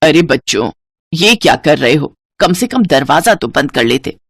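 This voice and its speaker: A woman's voice: low-pitched, sing-song, normal speed, vocal fry, slightly rough, pitched below the performer's own voice, full character voice. A woman voicing a kind older mother-in-law in a Hindi horror storybook, speaking in a soothing, motherly way. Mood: tender.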